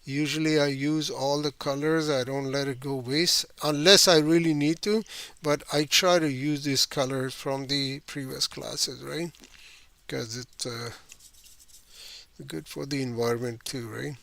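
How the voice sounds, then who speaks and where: A man's voice: medium pitch, steady tone, measured pace, creaky, a bit bright, no echo. A man teaching a watercolor painting class, talking loosely through his steps with many fillers and frequent "right?" checks. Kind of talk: painting lesson demonstration.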